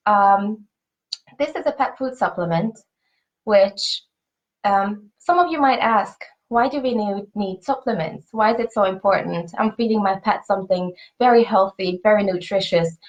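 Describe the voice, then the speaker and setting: A woman's voice: medium pitch, a little slow, muffled recording. A woman with a Hungarian accent, a native Hungarian speaker, explains her family pet supplement business to camera in an earnest, conversational way, often repeating words as she searches for them.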